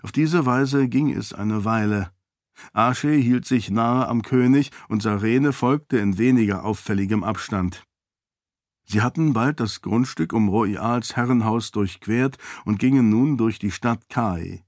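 A man narrates a novel in a calm, steady storytelling manner. His voice sits on the low side, and the recording is dry and close with no room sound. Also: measured pace, dry recording. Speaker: audiobook narrator. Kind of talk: scripted narration.

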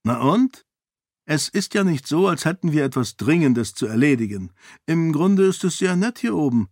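A man's voice: on the high side, expressive, moderate pace, darkish tone, no echo, studio quality, pitched above the performer's own voice. A man doing a huge, grumbling sarcastic fellow.

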